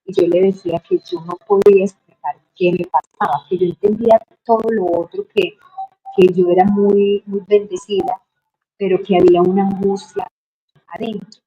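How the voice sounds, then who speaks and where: A middle-aged Colombian-accented woman, interviewed about her life, speaks in a slow, reflective way full of hesitations. Her medium-pitched voice has a breathy edge, and the highs are cut off.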